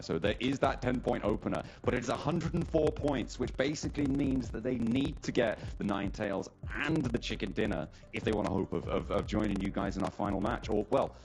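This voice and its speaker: Gravelly, animated esports caster man. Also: medium pitch, rough recording. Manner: rambling, self-correcting, thinks aloud. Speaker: esports commentator. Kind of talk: live esports commentary. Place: streaming setup with remote co-caster on voice chat.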